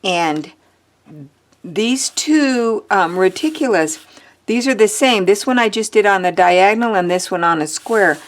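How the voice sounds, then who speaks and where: A woman's voice: medium pitch, lively intonation, unhurried. A woman teaching a drawing lesson, chatting and thinking aloud as she draws, with the hiccups. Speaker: art teacher.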